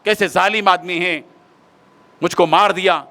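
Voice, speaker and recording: A clever village wife complains in a plaintive tone, spoken by a preacher in his own voice. The delivery is high and bright. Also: steady tone, unhurried, full character voice.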